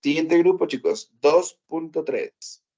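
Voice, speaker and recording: A man's voice: fairly high pitch, steady tone, slow, gravelly, warm tone, dull audio. Man teaching English. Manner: explains step by step, checks with "¿ok?" often. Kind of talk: classroom lesson.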